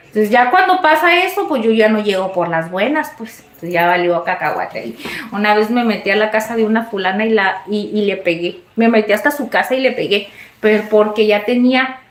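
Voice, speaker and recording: A woman with a Mexican accent, hosting a live stream and telling her story casually to viewers, with big swoops in pitch as she acts out scenes. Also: moderate pace, echoey room. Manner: animated, swoops high when retelling scenes.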